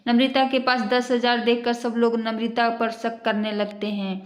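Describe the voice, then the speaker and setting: A woman narrating a family moral story in a plain, steady reading voice. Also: on the high side, normal speed. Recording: echoey room.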